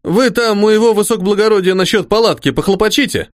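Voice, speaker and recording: A man's voice: high-pitched, fast talker, no echo, studio quality, pitched above the performer's own voice, lightly acted. A man voicing a devoted, old-fashioned soldier-servant who talks in a folksy, fussing way. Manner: rustic folksy speech, fussing and eager. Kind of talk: audiobook character voice.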